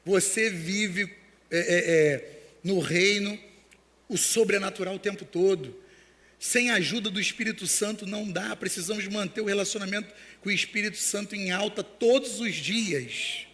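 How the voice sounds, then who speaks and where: A man's voice: sits high, normal speed, fairly bright tone, long reverb tail. A man preaching a sermon as pastor, telling stories with many restarts. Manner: storytelling with acted quotes and many restarts.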